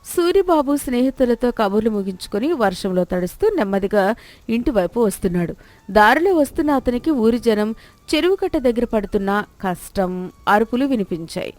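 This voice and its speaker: A woman's voice: on the high side, lively intonation, normal speed, darkish tone, dry recording. A woman narrating a children's moral story in a scripted storybook style.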